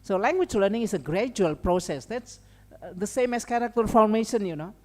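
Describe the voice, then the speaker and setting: In a hall with long reverb, this Indonesian-accented language educator lectures as a seminar speaker, mixing in informal asides and short check-ins like okay and right. She speaks fairly quickly in a mid-range voice with lively intonation.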